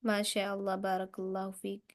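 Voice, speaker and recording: A woman teaching a Quran recitation class, patiently repeating sounds and chanting phrases slowly, with her praise spoken very softly. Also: mid-range voice, monotone. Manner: slow, patient, demonstrates sounds by repeating them.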